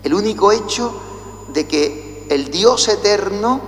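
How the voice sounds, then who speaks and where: High-voiced Spanish priest in cathedral echo. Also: male voice, expressive, a little hiss or hum. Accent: Spain Spanish. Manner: slow and deliberate, chanting the liturgical responses. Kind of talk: liturgical homily with chanted gospel. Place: large church. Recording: echoey church with long reverb.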